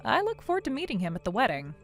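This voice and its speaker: A woman's voice: a little high, huge pitch swings, rapid-fire, faint music behind. A woman playing a weary, sarcastic younger sister in a scripted audio story, speaking in a dry, curt, guarded way.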